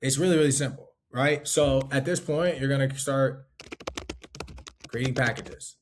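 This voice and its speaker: A man's voice: mid-range voice, measured pace, a little hiss or hum. A man teaching life insurance sales in a loose, conversational way, full of fillers and tag questions. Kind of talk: casual instructional talk.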